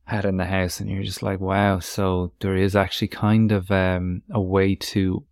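A man's voice: deep voice, flat delivery, normal speed, a little mellow, clear, resonant tone, no room sound, studio quality. A man co-hosting a casual parenting podcast, chatty and asking long, rambling questions.

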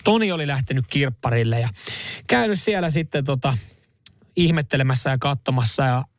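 A man's voice: medium pitch, dry recording, clean studio sound. A man hosting a casual chat show, rambling and laughing easily as he tells stories. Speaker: radio show host.

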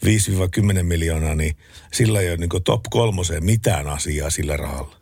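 Gravelly low-voiced male radio co-host. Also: no room sound. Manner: relaxed, chatty, reads listener messages, recites verse. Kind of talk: late-night radio chat.

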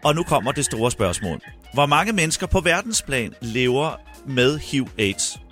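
A middle-aged man as a radio guest telling long, animated anecdotes in casual chat. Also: medium pitch, faint music behind. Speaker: radio guest, quiz setter.

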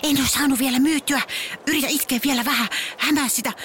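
A woman voicing a scheming little baby boy in a children's story, giving quick, bossy orders. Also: high-pitched, steady tone, fairly bright tone, a little hiss or hum. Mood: urging.

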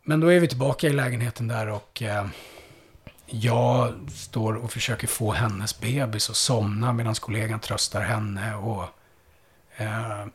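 Man, police officer, husky breathy voice, halting storytelling, many fillers, subdued. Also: on the low side, fairly even intonation. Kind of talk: recounting a past call-out in a podcast conversation.

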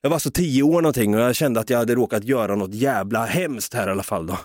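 A man co-hosting a podcast, telling a comic story in a casual, animated way and swearing a lot. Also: medium pitch, no room sound, studio quality. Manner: animated, swearing, acts out voices in his anecdotes. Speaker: podcast co-host.

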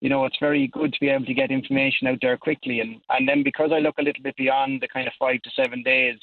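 A tinny, dry phone line carries an Irish man's voice at a middling pitch. He is a radio guest, explaining things in a casual, conversational way. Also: level tone, fast, no room sound. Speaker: amateur weather forecaster, radio interview guest. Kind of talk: casual explanatory interview talk. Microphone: telephone.

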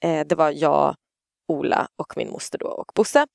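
A woman tells a family story in casual podcast chat, her voice carrying a gravelly edge. She acts out quoted lines with energy. The sound is close and dry. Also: sits low, dry recording. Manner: animated anecdote-telling, acts out quotes loudly. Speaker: podcast co-host, parent.

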